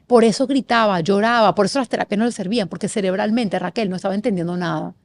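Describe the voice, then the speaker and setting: A middle-aged woman from Panama, a guest in an interview, telling a personal story with expressive, animated delivery and quick lists. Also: medium pitch. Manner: expressive, animated, lists things in rapid series.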